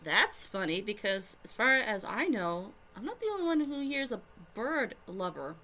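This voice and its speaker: Smirking, teasing young heroine, bright voice, voiced by the reader herself. Near her own voice. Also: mid-range voice, big pitch swings, moderate pace. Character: teasing young woman adventurer.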